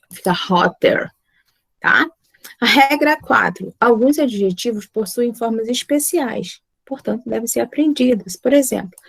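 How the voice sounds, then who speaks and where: A woman's voice: medium pitch, vocal fry, no echo. A woman from Brazil teaching English grammar to her students, patiently repeating points and checking they follow.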